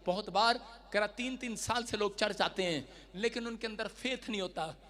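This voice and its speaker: A man preaching a fervent sermon, moving between quiet storytelling and loud shouting, calling on the audience to respond. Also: sits high, moderate pace.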